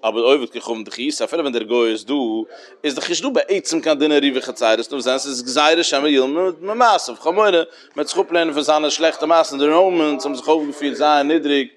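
A man's voice: a little high, fairly quick. A man teaching a Talmud lesson in a sing-song study cadence with many fillers.

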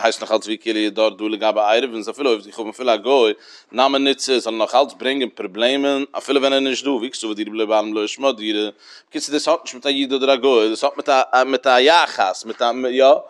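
Man giving lesson. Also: mid-range voice. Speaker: Talmud teacher. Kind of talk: Talmudic study lecture.

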